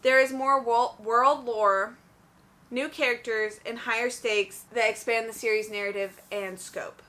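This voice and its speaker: A woman's voice: a little high, steady tone, measured pace, bright, forceful tone. A young woman chatting casually about books in a review vlog, gushing and full of "like"s. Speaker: book reviewer.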